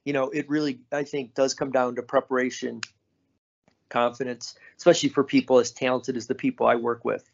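A man's voice: mid-range voice, normal speed, gravelly, muffled recording. Laid-back man telling stories on a podcast. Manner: relaxed storyteller, frequent "you know" and "right?". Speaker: podcast co-host. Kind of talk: casual podcast chat.

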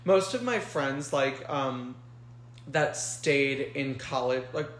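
A woman's voice: a bass voice, slow. A young woman from New Orleans who speaks with a New York accent, co-hosting a podcast in casual chat, talking in a chatty way with many fillers. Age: young adult. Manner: chatty, heavy use of "like". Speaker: podcast co-host. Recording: roomy echoey room.

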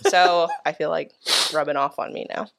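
A woman co-hosting a podcast, talking in a relaxed, easygoing way. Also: deep voice, normal speed, creaky. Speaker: podcast co-host. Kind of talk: casual chat.

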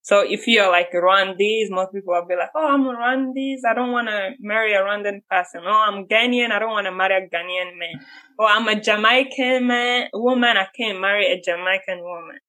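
A young woman on a podcast speaking in a bright, forceful voice. She sets up a question with casual, curious explanation. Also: mid-range voice, normal speed, poor audio. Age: young adult. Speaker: podcast co-host asking questions. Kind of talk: casual chat.

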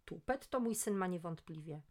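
Lower-voiced woman reading a story. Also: measured pace.

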